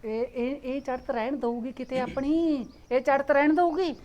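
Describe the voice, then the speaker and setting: A woman's voice: high voice, steady tone, normal speed, highs cut off, close to an everyday voice. A woman playing an older village mother with a scolding manner and a Punjabi accent. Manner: scolding, sharp-tongued. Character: sharp-tongued village mother, scolding her daughter-in-law. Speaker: mother of the husband.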